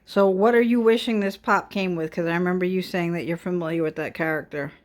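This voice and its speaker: A woman's voice: fairly low pitch, fairly even intonation, fairly quick, a little hiss or hum. A woman chatting casually and playfully, teasing as she helps out with an unboxing video. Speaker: off-camera adult helper in a child's unboxing video. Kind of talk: casual chat.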